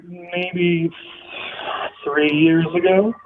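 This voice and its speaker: Guy on a muffled speakerphone call, quiet and tinny, deadpan, lots of ums, kinda high. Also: extremely slow, slight background noise. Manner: deadpan, rambling with many fillers. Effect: caller heard over a phone line on speakerphone. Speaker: caller. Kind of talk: casual call-in chat. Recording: tinny muffled phone line.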